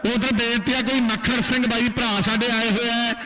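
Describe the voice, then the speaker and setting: Over a noisy crowd at an outdoor kabaddi tournament ground, a man with a Punjabi accent gives live commentary and public announcements. His very high voice barely moves in pitch, at a moderate pace, through an echoing outdoor PA system.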